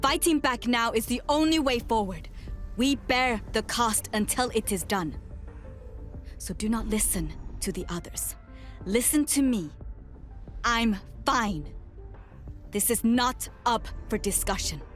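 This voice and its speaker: A calmly firm, resolute healer. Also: female voice, a little high, unhurried, pauses often. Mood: calm firmness. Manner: calm firmness, insistent. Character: weary woman healer, proud, resolute, insisting she is fine. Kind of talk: scripted video game voice message. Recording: music behind the voice. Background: music.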